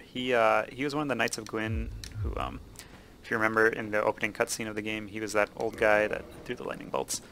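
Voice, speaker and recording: A man hosting a let's play, explaining the game casually with many fillers and pauses. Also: on the low side, gravelly, a little hiss or hum, rough recording. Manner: relaxed, explaining with many ums and uhs. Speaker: gaming channel host.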